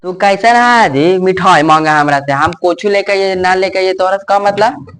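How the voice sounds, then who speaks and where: A man's voice: high-pitched, normal speed, background noise, natural voice. A man playing a pushy village man in a rustic comedy skit, with a Magahi accent from Bihar. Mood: complaining. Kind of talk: rural comedy skit dialogue.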